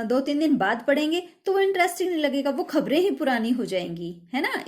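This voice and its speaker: A woman teacher walks through a children's poem line by line, reading each verse and then explaining it plainly. Her pitch sits a little high and moves a lot as she talks. She keeps checking in with her listeners as she goes.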